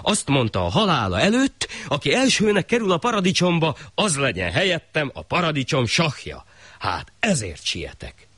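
A man's voice: a little high, huge pitch swings, fairly bright tone, breathy edge, no echo, voice pushed up, full character voice. A man voicing a cunning tall thief in a folk tale, talking with sly urgency. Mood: urgent.

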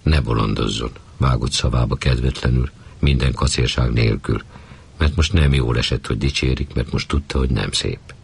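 Very deep, gravelly male storyteller. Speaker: narrator. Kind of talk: storybook reading.

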